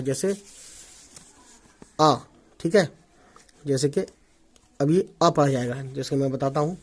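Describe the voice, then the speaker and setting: A man teaching an Urdu writing lesson in Hindi, repeating words slowly and often checking that viewers follow along. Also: fairly high pitch, warm tone. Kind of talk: online language lesson. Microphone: omnidirectional desk microphone.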